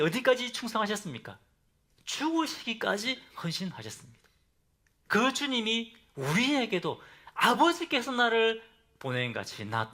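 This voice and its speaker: A man preaching a Sunday sermon as pastor. He asks the congregation questions and ends phrases softly for emphasis. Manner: drops to soft, low endings for emphasis.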